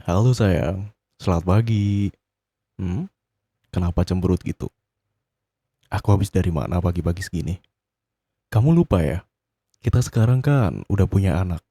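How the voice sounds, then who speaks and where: A man in whispered role-play as a doting, wealthy husband who talks softly and teasingly to his partner. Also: sits low, moderate pace, pauses often, dry recording. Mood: playful. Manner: soft, intimate, teasing boyfriend talk. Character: doting rich husband, possessive and gently scolding. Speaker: ASMR role-play voice actor.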